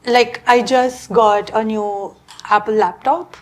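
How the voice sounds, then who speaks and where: Indian woman with a highish voice. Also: fairly even intonation, slow pace. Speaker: podcast guest. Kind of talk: casual chat.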